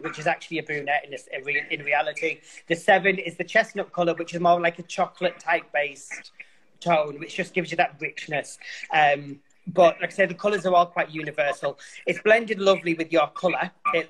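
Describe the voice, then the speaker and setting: A man's voice: sits high, a bit bright, low-quality recording. A man, a hairdresser, patiently explaining hair colour on a video call and repeating points for emphasis. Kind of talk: casual video call chat.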